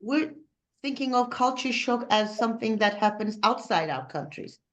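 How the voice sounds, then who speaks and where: A woman teacher joining a video call workshop, telling a story hesitantly, with many fillers and pauses. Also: on the high side, expressive. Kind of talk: sharing a personal story.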